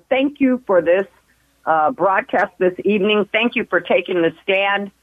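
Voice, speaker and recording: A woman's voice: medium pitch, dry recording. Woman caller on a tinny phone line. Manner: earnest, urging listeners to act. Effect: heard over a phone line. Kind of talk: call-in radio talk.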